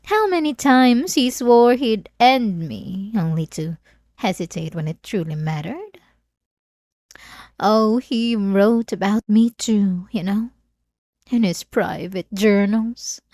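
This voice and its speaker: Close on a very dry microphone with no room sound, a woman plays a centuries-old, obsessive vampire lady for ASMR, her mid-range voice dark and soft. She draws words out slowly yet animatedly, taunting and wistful, with a teasing, possessive sweetness.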